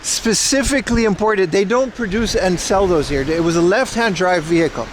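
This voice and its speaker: A high-voiced man streams himself walking outdoors on city streets, speaking at a moderate pace over slight background noise. Casual and chatty, he reads chat aloud and jokes with feigned outrage.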